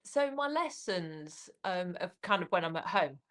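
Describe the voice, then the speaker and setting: A woman with an English accent, a former tour golfer and coach, chatting casually and telling animated stories. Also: lowish voice, measured pace. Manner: anecdotal, animated storytelling. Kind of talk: casual chat.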